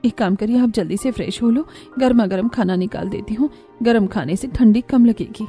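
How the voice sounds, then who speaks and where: A woman voicing a caring, worried young mother in a cartoon, with a soft, pleading manner. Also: mid-range voice, a little fast, soft background music, natural voice. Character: poor caring young mother, anxious wife. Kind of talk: cartoon voice acting.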